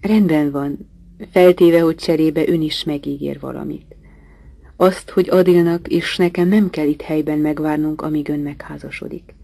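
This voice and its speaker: A woman reading a novel aloud as an audiobook, in a measured, quiet and plain manner. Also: low voice, steady tone, creaky, dry recording. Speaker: audiobook reader.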